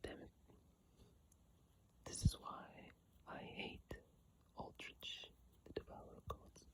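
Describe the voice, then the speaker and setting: Close up to an iPhone mic, an ASMR creator softly whispers game descriptions in a breathy voice. The reading is unhurried, broken up by casual, hesitant side comments.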